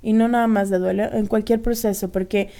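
A woman, speaking as a guest on grief, emphatic and animated with repeated lists. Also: medium pitch, brisk. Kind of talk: casual panel talk.

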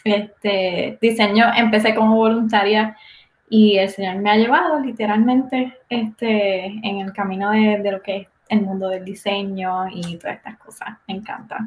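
A woman guest on a podcast, talking in a relaxed, hesitant way with many fillers. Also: mid-range voice, normal speed, echoey room. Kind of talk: casual podcast chat.

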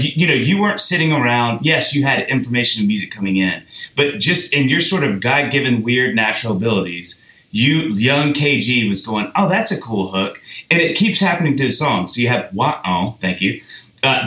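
A man hosting a podcast, talking about songwriting in an animated, chatty way with frequent restarts and easy laughter. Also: mid-range voice, echoey room. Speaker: podcast host. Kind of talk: casual music chat.

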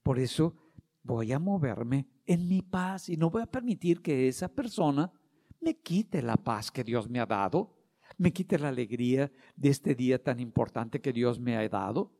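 A middle-aged man delivers a sermon in a mellow, warm voice. He leans into key phrases with rising force and slips into short acted dialogues to make his point. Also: medium pitch, expressive, measured pace, gravelly. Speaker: preacher.

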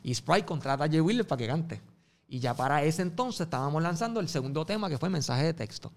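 A man with a Puerto Rican Spanish accent tells stories in an interview, swinging from loud to hushed and acting out what the people in them said. His voice is gravelly, with a pitch a little high for a man. He talks in a lively, animated way. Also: fast. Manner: acts out quoted voices, swings loud and soft. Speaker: music promoter and guest.

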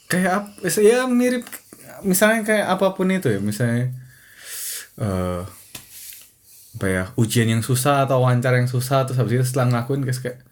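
A man's voice: medium pitch, animated, normal speed, pauses often. A young man in casual chat, agreeable and talking with many fillers.

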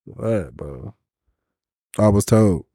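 Man, dark mellow tone, fairly low, blunt slang, casual co-host banter. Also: lively intonation, drawn-out words, slightly rough, no echo, studio quality. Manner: blunt, slangy, profane interjections.

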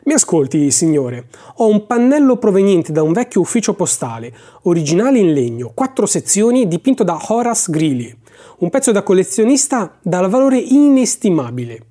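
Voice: medium pitch, very animated, normal speed, dark tone, close to an everyday voice. A reader voicing a polite, eager male antique dealer who speaks deferentially in an audiobook. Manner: deferential, courteous.

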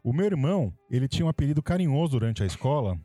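Animated São Paulo man, dark voice. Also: mid-range voice, very fast, no echo, faint music behind. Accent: Brazilian Portuguese, São Paulo. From São Paulo, Brazil. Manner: playful, animated storytelling. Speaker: podcast co-host. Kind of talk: casual chat about history trivia.

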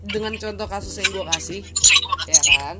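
A woman's voice: mid-range voice, normal speed, very noisy. A young woman with a Jakarta accent chatting casually in slang as a podcast co-host, driving her points home emphatically. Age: young adult. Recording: loud music behind the voice.

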